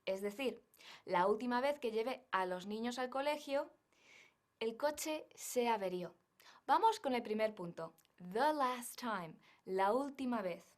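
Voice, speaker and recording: Female English teacher, slightly high voice, slow scripted lesson delivery. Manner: slow, careful, models English phrases.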